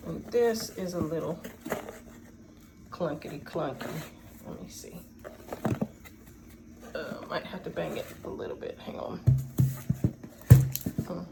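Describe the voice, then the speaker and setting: A woman's voice: fairly low pitch, vocal fry, rough recording. A woman chatting casually to viewers while making something at home, playful and talkative with frequent asides. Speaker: vlogger. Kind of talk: casual chat while doing a home craft. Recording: audible background noise.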